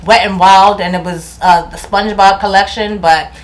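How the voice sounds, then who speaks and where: At home, a New York beauty vlogger in her thirties gives a relaxed product review in her local accent. Her medium-pitched voice holds a steady tone at a moderate pace, though she's chatty, laughs often and restarts after losing her words.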